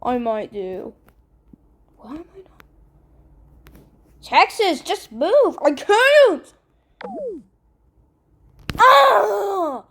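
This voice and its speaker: A woman's voice: high voice, wildly swooping pitch, slow, long pauses. A woman goofing around in a playful voice recording session, exclaiming and giggling.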